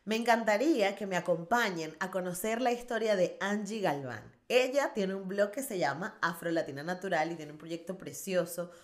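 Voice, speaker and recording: A woman's voice: mid-range voice, normal speed, hardly any pauses. Earnest woman hosting a podcast. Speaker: podcast host. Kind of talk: reflective monologue and interview.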